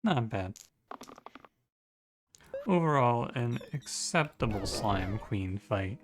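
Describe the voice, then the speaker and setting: A man's voice: medium pitch, animated, slow pace, a little hiss or hum. A man giving casual strategy game commentary, thinking aloud in a musing, conversational way and often correcting himself. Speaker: gaming streamer.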